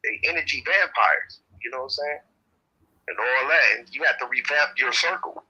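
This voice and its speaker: A man's voice: medium pitch, moderate pace, bright, forceful tone, breathy edge, muffled recording. A man calling in over a phone on speaker, chatting casually and dropping in "you know" a lot. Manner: laid-back, drops in "you know" often. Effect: heard over a phone on speaker. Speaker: caller joining the conversation. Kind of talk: casual chat.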